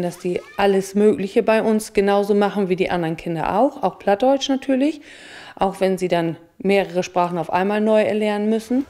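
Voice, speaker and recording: A middle-aged woman, a kindergarten staff member, calmly explaining her work in a documentary interview. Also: medium pitch.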